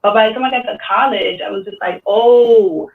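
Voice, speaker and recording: An artist from the Dominican Republic who was raised in New York City speaks in a casual panel discussion with a high, gravelly voice at normal speed. He's relaxed and reflective, using many fillers. The recording sounds tinny and distant, like a phone.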